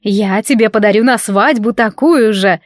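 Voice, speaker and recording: Lady doing a bossy meddling mom in an audiobook, slow and preachy, close dry mic. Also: medium pitch, no room sound, lightly acted. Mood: domineering. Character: bossy meddling middle-aged mother, overbearing.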